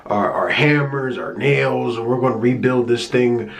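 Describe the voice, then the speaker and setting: A man hosting his own show, talking casually and excitedly about pro wrestling, often stumbling over and repeating words when fired up. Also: mid-range voice, measured pace, vocal fry. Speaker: host.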